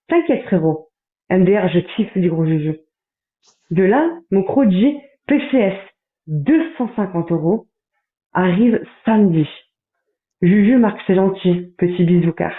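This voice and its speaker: A man on a livestream, reading out chat messages in a running commentary with quick asides. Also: high voice. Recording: tinny phone-like sound in a roomy space.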